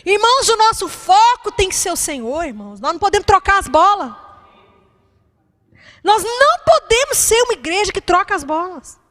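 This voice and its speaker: A woman's voice: very high-pitched, very animated, moderate pace, a bit bright. A woman pastor, preaching a fervent sermon and calling out to the congregation.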